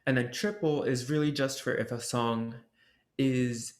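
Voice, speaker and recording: A man presenting an ocarina workshop, explaining technique in a relaxed way and sounding out the syllables as he goes. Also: medium pitch, a little slow. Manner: casual, explains with demonstration syllables and fillers. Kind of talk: instructional explanation. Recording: roomy echo.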